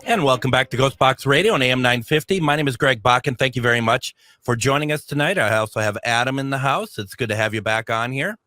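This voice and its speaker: American guy hosting radio, regular mid pitch, bit of music behind him. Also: fast, few pauses, sharp tone. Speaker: radio show host. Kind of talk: radio ad reads and casual hosting.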